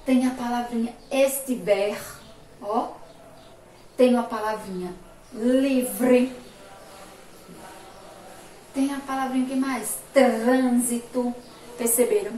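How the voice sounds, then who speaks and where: A fairly high-voiced woman teacher from Brazil gives a remote lesson to young children, drawing out each word and repeating sounds again and again. She is recorded from a distance in an echoey room with faint background noise. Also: mellow. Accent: Brazilian Portuguese, Sergipe. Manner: slow, emphatic, repeats sounds and words for children. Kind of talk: remote school phonics lesson.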